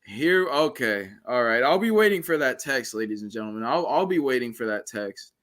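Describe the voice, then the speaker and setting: A man co-hosting a combat sports podcast, answering his louder partner in a calm, level voice. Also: mid-range voice, moderate pace. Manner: calm, even, called monotone. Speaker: podcast co-host. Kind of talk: sports debate.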